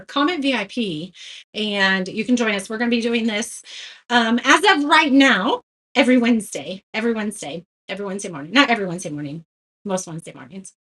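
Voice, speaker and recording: A high-voiced woman hosts a casual live craft tutorial. She talks in a friendly, rambling way and laughs at her own slips. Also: a bit bright. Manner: chatty, greets viewers by name, self-deprecating.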